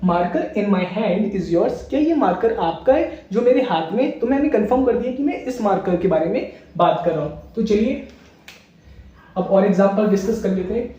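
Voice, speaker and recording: A man's voice: sits high, lively intonation, normal speed, warm tone. Man teaching grammar in an echoey room. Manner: repetitive question-and-answer explaining. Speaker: English teacher. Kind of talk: classroom grammar lesson. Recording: echoey, distant, dull room sound.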